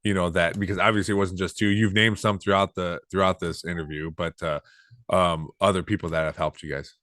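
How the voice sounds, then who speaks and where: A man hosting a casual podcast interview, asking questions in a relaxed, hesitant way. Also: low-pitched, a little fast, dry recording. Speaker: podcast host.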